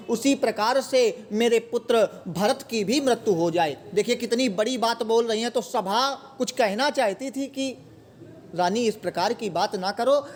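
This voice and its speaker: A man explaining a poem line by line, asking his own questions and answering them. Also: extremely high pitch. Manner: repeats words and asks questions then answers them himself. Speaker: Hindi teacher.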